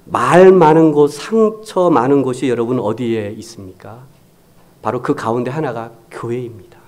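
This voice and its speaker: A man's voice: on the high side, a little mellow. A man preaching a Sunday sermon as pastor, talking conversationally, acting out quoted remarks and dropping to near-whispers for emphasis. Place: church sanctuary.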